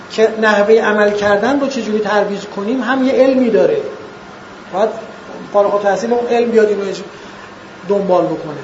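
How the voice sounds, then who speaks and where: A man lecturing students in an earnest way, asking rhetorical questions and slowing down to stress points. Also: extremely high pitch, a little mellow, a little hiss or hum. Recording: echoey, dull lo-fi room recording.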